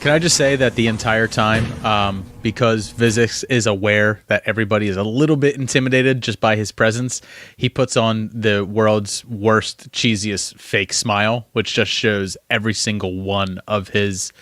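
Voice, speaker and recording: A man's voice: lowish voice, steady tone, moderate pace, fairly bright tone, no echo, studio quality. A man playing a tabletop game, amused as he describes his character's behavior. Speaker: player.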